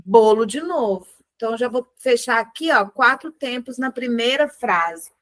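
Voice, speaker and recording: A woman teaching a group music lesson over a video call, encouraging the class and chanting words slowly in rhythm. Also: fairly high pitch, lively intonation, no echo.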